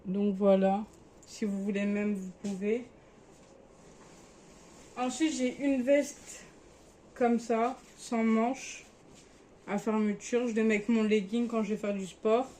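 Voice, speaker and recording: A woman's voice: mid-range voice, level tone, slow pace, pauses often, warm tone, slight background noise. A young woman casually showing her clothes in a vlog, chatty and sometimes hesitant as she searches for words. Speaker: vlogger.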